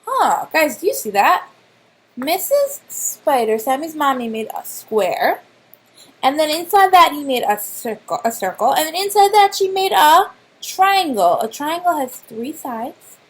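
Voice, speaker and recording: Like a teacher, a woman with a high-sitting voice reads a children's storybook aloud expressively, pausing to ask the young listeners questions.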